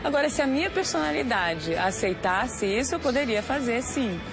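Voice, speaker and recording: A Brazilian woman with a high voice explains things casually. Music plays clearly behind her, along with outdoor city sound. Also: animated, fairly quick.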